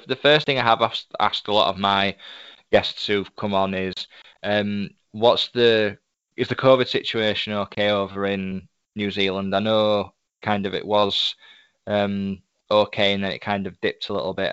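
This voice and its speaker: A man's voice: lowish voice, fairly bright tone, smooth, dry recording, dull audio. A man hosting a casual interview, speaking in a polite, wordy, effusive way. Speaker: podcast host, interviewer. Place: indoors at a desk.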